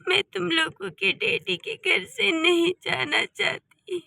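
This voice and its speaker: A frail old mother in a cartoon tale, played by a woman, her weepy pleading voice pitched very high with a gravelly edge. She speaks slowly and sounds close and dry. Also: sharp tone, full character voice. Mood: tearful. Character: elderly widowed mother, frail and tearful. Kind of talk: cartoon voice acting.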